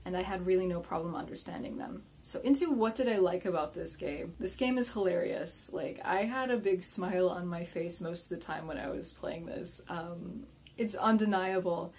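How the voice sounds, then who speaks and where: A young adult woman playing a solo board game and then reviewing it. She mutters quietly while she plays and turns chatty and upbeat when she reviews. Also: on the low side, moderate pace, slightly rough.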